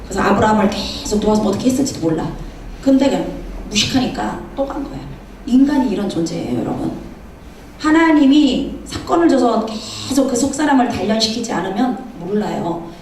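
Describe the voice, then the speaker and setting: A woman preacher giving a sermon in a church, telling a story with lively acted-out dialogue. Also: a little high, a little fast, slight background noise. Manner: animated storytelling, acting out dialogue. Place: church sanctuary. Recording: echoey church hall from far off.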